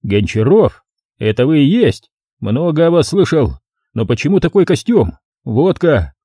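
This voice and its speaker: Guy doing a brisk young cop, official tone, somewhat raised voice. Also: fairly high pitch, big pitch swings, mellow, breathy edge, no room sound, voice pushed up, full character voice. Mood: firm. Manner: official, firm. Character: brisk young male police sergeant.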